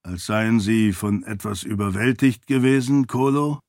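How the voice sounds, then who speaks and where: A man voicing a calm, sceptical male friend who explains things in a level way. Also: fairly low pitch, unhurried, no room sound, studio quality. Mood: explaining.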